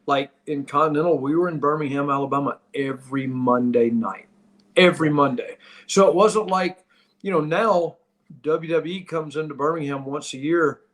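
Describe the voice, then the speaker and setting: Middle-aged male ex-wrestler guest, somewhat high voice, casual storyteller, halting repeated phrasing. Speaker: guest, former pro wrestler. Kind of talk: casual reminiscing chat.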